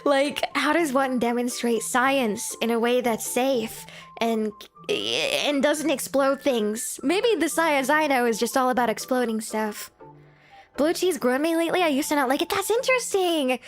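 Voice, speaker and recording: A woman's voice: high-pitched, animated, unhurried, faint music behind. A woman hosting a casual livestream, chatting to viewers in a cute, giggly anime-streamer manner. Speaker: livestream host.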